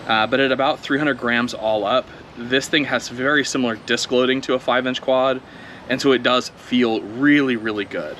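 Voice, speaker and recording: A man giving relaxed, chatty commentary outdoors while he flies a drone, talking it through as he goes. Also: medium pitch, moderate pace, a little hiss or hum. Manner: relaxed, chatty, thinking aloud while flying. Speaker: drone video creator. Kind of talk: casual first-flight commentary.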